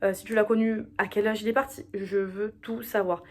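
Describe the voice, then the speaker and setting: A woman's voice: medium pitch, flat delivery, a little fast. A young woman hosting a solo podcast, chatting casually and confidingly, often coming back to the same phrase. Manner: chatty, confiding, repeats herself. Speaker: podcast host.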